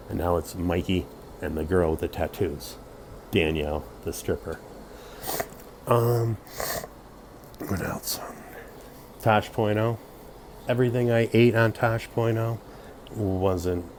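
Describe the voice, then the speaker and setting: A man's voice: sits low, a little mellow, slight background noise. A man in his fifties rambling drunkenly and boastfully in a casual livestream chat. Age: 50s. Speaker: livestream host.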